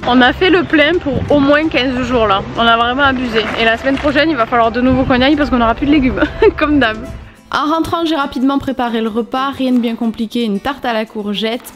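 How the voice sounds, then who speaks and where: A woman's voice: high-pitched, brisk, music in the background. A young adult woman chatting informally to her viewers in a casual vlog, with reassuring asides. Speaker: vlogger.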